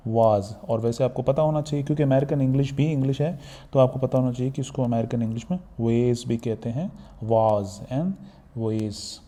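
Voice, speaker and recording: A man's voice: mid-range voice, moderate pace, warm tone. A man with an Indian accent teaching English pronunciation for exams, mixing Hindi and English and repeating each word several times. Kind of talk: exam-prep pronunciation lesson.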